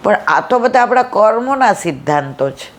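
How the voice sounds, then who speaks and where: A woman's voice: medium pitch, sing-song, normal speed. A woman giving a devotional talk to a satsang, telling stories and acting out the dialogue. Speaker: satsang speaker.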